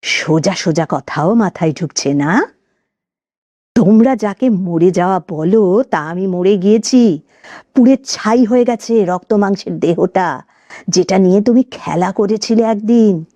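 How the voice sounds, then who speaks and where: A woman's voice: medium pitch, unhurried, mellow, no room sound, lightly acted. A woman voicing the bitter, vengeful ghost of a jilted woman who speaks in a cold, hissing, taunting way, in an audio story.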